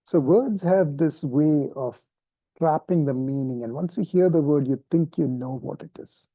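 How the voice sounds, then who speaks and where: Dark-voiced man giving a relaxed lesson. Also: on the high side, a little slow, no room sound, highs cut off. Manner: relaxed, self-deprecating, with chuckles and restarts. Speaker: meditation teacher. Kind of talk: informal spoken lesson.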